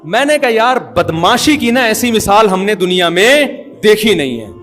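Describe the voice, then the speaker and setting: Middle-aged man, high pitched voice, amused chuckling storyteller, casual talk. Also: very animated, normal speed, fairly bright tone, faint music behind. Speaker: father telling a family story. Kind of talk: humorous anecdotal talk.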